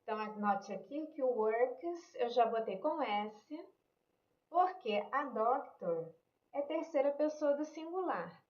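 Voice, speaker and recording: A woman's voice: sits high, expressive, takes it slowly, roomy sound, dull audio. A woman English teacher with a Brazilian Portuguese accent, patiently explaining an online lesson and checking in with "né?" and "ok?".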